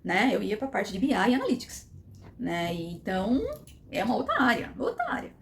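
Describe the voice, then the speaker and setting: A woman's voice: mid-range voice, wildly swooping pitch, brisk, creaky. A middle-aged woman, telling a personal story with emotion and acting out the dialogue. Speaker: vlogger.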